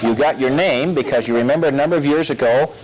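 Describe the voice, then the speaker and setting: A man's voice: medium pitch, fast. A man, a police officer, giving a safety talk to schoolchildren as the patient straight man to a ventriloquist dummy. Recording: noisy recording with crowd. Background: children's crowd.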